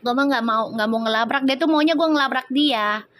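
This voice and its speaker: An Indonesian woman who reads tarot chats casually with viewers on a live stream, teasing them and answering comments, and slips into singing and short prayers. Her high-pitched voice is fairly bright, with a little hiss or hum in the audio.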